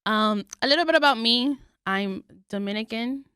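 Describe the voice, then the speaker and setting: A woman's voice: on the high side, moderate pace, very noisy. A young woman from the Bronx, co-hosting a casual podcast chat, laughing often and saying "like" a lot. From Bronx, New York. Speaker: podcast co-host.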